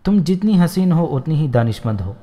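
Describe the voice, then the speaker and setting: A man's voice: on the high side, big pitch swings, warm tone. A man reading the lines of a lovestruck male fort commander in a storybook, coaxing and affectionate. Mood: insistent. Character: smitten male fort commander, pleading and eager. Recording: long hall reverb.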